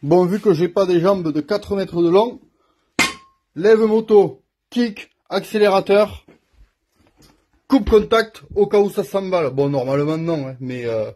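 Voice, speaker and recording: A man's voice: high voice, unhurried, warm tone. A man filming himself on his phone in his home workshop, chatting casually to the viewer as he works on a scooter and thinks aloud. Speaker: scooter mechanic vlogger. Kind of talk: casual how-to vlog.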